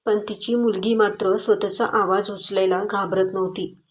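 A woman storyteller narrating a moral story with a calm, steady reading. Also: medium pitch, moderate pace.

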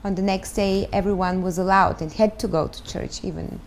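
A woman's voice: medium pitch, steady tone, brisk, slight background noise. Bulgarian-accented woman in her thirties. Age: 30s. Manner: thoughtful, searching for words, many fillers. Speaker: guest, start-up founder. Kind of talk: interview answers. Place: living room, on a sofa.

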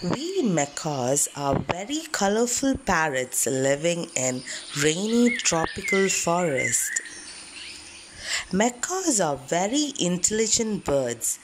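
A woman's voice: on the low side, sing-song, takes it slowly, background noise. A woman voicing a friendly cartoon macaw, narrating educational facts directly to children. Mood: friendly, instructive. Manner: presentational, addresses children directly.

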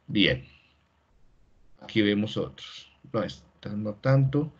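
A man's voice: lowish voice, expressive, takes it slowly, slight background noise. A man giving an online class lecture and explaining step by step, often checking in with "¿sí?". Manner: explanatory, tags many lines with "¿sí?". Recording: dull lo-fi video call audio.

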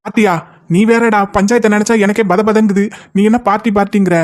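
A man's voice: high voice, steady tone, lightly acted. A man voicing an anxious young male friend in a cartoon, fretting and complaining. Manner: fretful, fast complaining. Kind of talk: cartoon voice acting.

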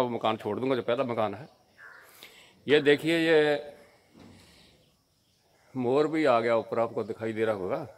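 A man with a Punjabi accent giving a walking report outdoors at a village house, earnestly pointing things out and repeating himself, recorded on the camera mic. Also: mid-range voice. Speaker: social video reporter.

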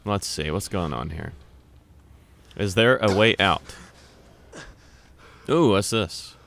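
A young man plays a video game on camera, chatting casually and reading on-screen text aloud. His low, gravelly voice is slow with lively intonation, and there's a little hiss or hum in the background. When startled he lets out loud yelps and swears.

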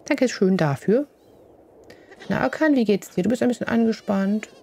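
Female let's play host, mellow and soft-toned, casual running commentary, coos affectionately at her in-game pets. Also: mid-range voice, moderate pace, gravelly, a little hiss or hum.

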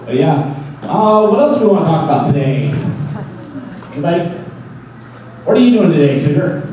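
A man in his forties doing halting, rambling stand-up, awkwardly bombing with his jokes on a small coffee shop stage. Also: on the high side, very animated, warm tone. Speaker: stand-up comedian. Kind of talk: stand-up comedy to a small crowd. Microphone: handheld stage mic heard from far camera. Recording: echoey room, distant camera, background noise.

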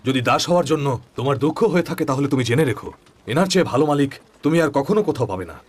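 Dub casting: a hearty host, husky, slightly high. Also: male voice, expressive, fast. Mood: welcoming. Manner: welcoming, hearty. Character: friendly male merchant host, welcoming. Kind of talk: dubbed drama dialogue.

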